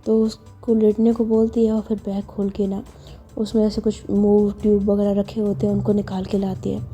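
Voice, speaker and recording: A woman's voice: mid-range voice, monotone, normal speed, warm tone, soft background music. A woman narrating a romance story in a chatty, conversational retelling style. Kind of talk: casual spoken story narration.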